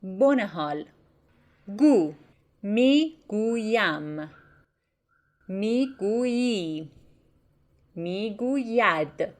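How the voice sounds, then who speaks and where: Female language teacher, mid-pitched, slow clear enunciation for a lesson. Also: lively intonation, darkish tone. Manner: slow, careful enunciation of example words. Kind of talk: bilingual grammar lesson.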